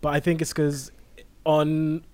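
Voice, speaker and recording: A man's voice: a little high, completely flat delivery, measured pace, darkish tone, smooth, dry recording. A young man with a modern Received Pronunciation southern English accent, speaking in a well-spoken way in a casual podcast discussion. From southern England. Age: young adult. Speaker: medical student on a podcast.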